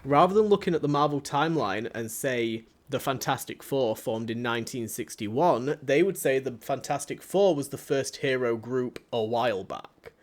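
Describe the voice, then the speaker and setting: A man's voice: medium pitch, normal speed, few pauses. A young man with a Yorkshire accent hosting a casual podcast chat, talking loosely and filling his sentences with "like". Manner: loose and chatty, heavy use of "like". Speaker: podcast host.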